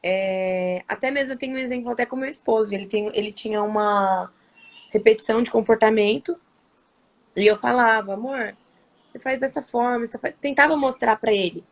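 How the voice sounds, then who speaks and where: A woman's voice: fairly high pitch, fairly quick. A woman guest with a Brazilian accent, telling a story in a casual panel conversation and quoting what was said. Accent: Brazilian Portuguese.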